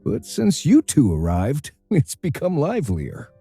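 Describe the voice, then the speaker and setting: An actor voicing a friendly, sociable doctor with a husky voice in a video game. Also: male voice, on the high side, huge pitch swings, measured pace, warm tone, exaggerated voice. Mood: fond, welcoming. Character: friendly, sociable male doctor, wistful host. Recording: music under the voice.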